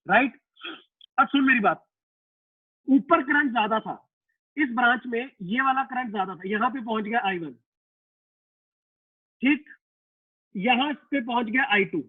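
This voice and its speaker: A man's voice: very high-pitched, slightly rough, dry recording. A man teaching a physics lecture to an online class, casual and repetitive, often putting students' questions to himself. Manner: casual, addresses students as "beta" and "yaar". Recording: tinny, dry phone-like line.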